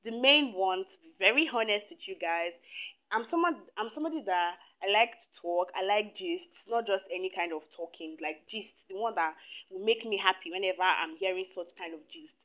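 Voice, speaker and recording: Young woman vlogger from Nigeria, about twenty, sharp and bright voice, talkative and animated, lapel mic, slightly muffled. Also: mid-range voice, normal speed. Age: 20s. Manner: chatty, animated, laughs often. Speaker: YouTuber. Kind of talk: casual chat to camera. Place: small indoor room.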